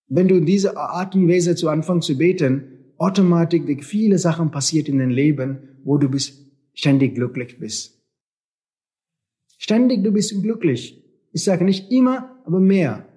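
A man's voice: a little high, dark tone. A man speaking German as a non-native, giving an earnest spiritual talk full of rhetorical questions and repetition. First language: not German. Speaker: spiritual teacher.

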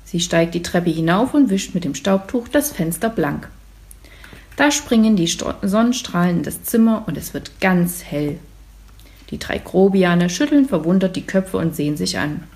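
A woman addressing her listeners and reading a children's story aloud in a calm, lively way. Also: on the low side, normal speed.

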